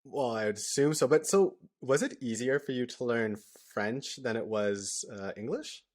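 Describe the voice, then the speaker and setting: A man's voice: mid-range voice, moderate pace, darkish tone. A man hosting a casual podcast interview, a native Flemish speaker, asking curious questions and laughing easily. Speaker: podcast host.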